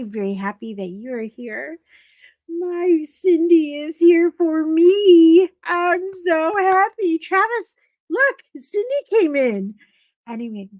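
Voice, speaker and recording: A middle-aged woman hosts a casual live stream, chatting with viewers and telling a story. Her voice is slightly froggy, her greetings swoop widely in pitch, and there's no echo.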